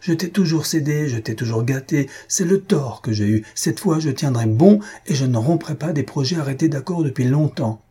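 A man voicing an excitable, bossy old spinster aunt who scolds in shrill outbursts, in a storybook reading. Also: moderate pace, few pauses, breathy edge. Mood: indignant.

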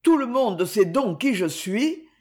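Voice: medium pitch, sing-song, slow pace, a little mellow, voice pushed up. A reader voicing a sick, remorseful young boy in an audiobook, anxious and pleading. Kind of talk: audiobook character reading.

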